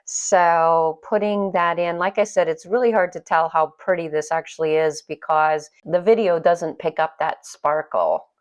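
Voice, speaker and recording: A middle-aged woman talks through a watercolor tutorial in a relaxed, chatty voice-over, sitting a little low in pitch. She pokes fun at herself as she goes. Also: a little slow, hardly any pauses. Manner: chatty, self-deprecating, laughs at herself. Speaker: watercolor painting instructor.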